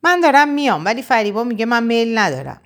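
A woman's voice: on the high side, sing-song, fairly bright tone, voice pushed up. A woman voicing a pushy, blunt young woman in an audiobook.

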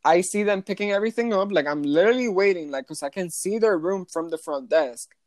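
A young woman casually telling a hotel front desk story as a podcast co-host, animated and swearing a lot, sometimes slipping into Spanish. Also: lowish voice, fairly quick, dry recording. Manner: switches between English and Spanish.

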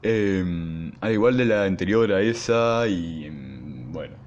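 A man's voice: low-pitched, slow, muffled recording. Young argentine guy telling a story. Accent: Argentine Spanish. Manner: animated, slangy, laughs while telling. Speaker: podcast host. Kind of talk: casual storytelling.

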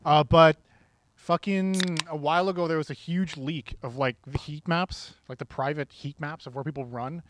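A man's voice: fairly high pitch, steady tone, normal speed, noisy background. A young man co-hosting a podcast, chatting casually in a crude, rambling way, full of swearing and "like" fillers. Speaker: podcast co-host. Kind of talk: casual chat. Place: small room. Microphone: close-up podcast mic.

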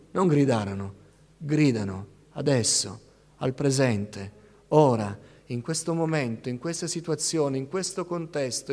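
A man preaching a sermon with passion, rising to loud cries and dropping to hushed tones. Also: fairly high pitch. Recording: long reverb of a church hall.

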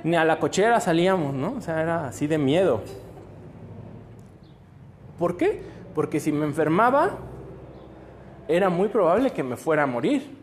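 A man's voice: a little high, lively intonation, moderate pace, pauses often, a little hiss or hum. A man telling a Bible story to children in a playful, joking way and quizzing them as he goes. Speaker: children's preacher.

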